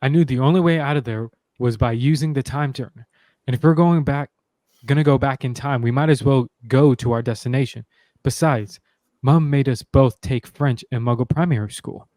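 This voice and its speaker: A man voicing a calm, planning young male wizard in a fan voice-acting read-through, talking in a steady, matter-of-fact way. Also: mid-range voice, normal speed, no echo, close to an everyday voice.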